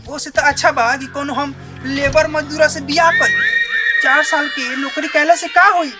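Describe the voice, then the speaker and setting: A woman's voice: sits high, fairly even intonation, normal speed, lightly acted. An actress playing a young woman who bluntly turns down a marriage, with music underneath. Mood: dismissive. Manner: blunt, dismissive. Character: young woman refusing a soldier groom, blunt. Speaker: bride-to-be.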